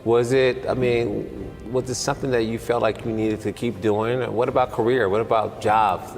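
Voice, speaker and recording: A man's voice: mid-range voice, fairly even intonation, normal speed, darkish tone, big-room sound, faint music behind. A man hosting a TV interview, greeting his guest and asking questions in an upbeat, friendly way.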